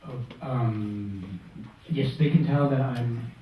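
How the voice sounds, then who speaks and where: A man from Russia answering on a literary panel in a bookstore, speaking thoughtfully with halting restarts. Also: medium pitch, highs cut off, slight background noise. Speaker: panelist, writer. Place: bookstore event room. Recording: echoey room from far off.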